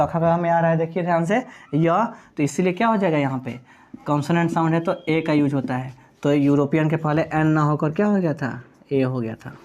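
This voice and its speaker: Here a man whose voice is on the high side and a little mellow gives a classroom-style lecture on English grammar in Hindi. He poses questions and supplies the answers himself, spelling words out letter by letter.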